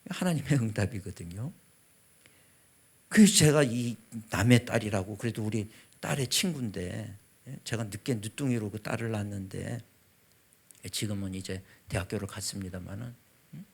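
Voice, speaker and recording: A man in his fifties, a pastor, telling a personal testimony in a revival sermon with a husky voice, swinging from loud to hushed. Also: fairly low pitch, moderate pace. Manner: emotional storytelling, voice rising and dropping sharply.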